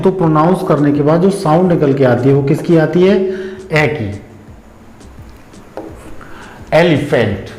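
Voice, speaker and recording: A man's voice: fairly high pitch, darkish tone. Patient man teaching English pronunciation. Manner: patient, repetitive explaining with drawn-out example words. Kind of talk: explanatory lesson. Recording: echoey room.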